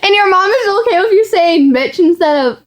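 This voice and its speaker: A woman's voice: extremely high pitch, lively intonation, fairly quick. A female speaker chatting casually in a giggly, teasing way. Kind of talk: casual chat.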